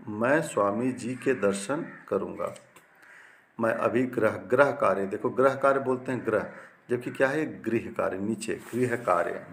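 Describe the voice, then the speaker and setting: A man's voice: medium pitch, vocal fry. Male teacher, plain mid-range voice, methodical correction drills, light room noise. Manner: repeats each example twice, wrong form then correct, with frequent "ठीक है ना" checks. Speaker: Hindi grammar teacher. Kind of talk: classroom-style lesson reading out corrections.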